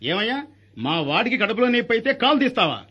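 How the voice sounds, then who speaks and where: An actor playing a blunt, bossy hospital hand in a stage comedy, throwing accusations back. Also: male voice, very high voice, very animated, rapid-fire, sharp tone, husky, dull audio, full character voice. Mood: accusing.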